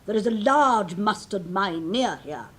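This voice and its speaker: A woman acting a moralising, over-familiar storybook Duchess with a husky voice. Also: mid-range voice, expressive, a little slow, fairly bright tone. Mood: gushing. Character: gushing, moralising, affectionate, ugly storybook Duchess.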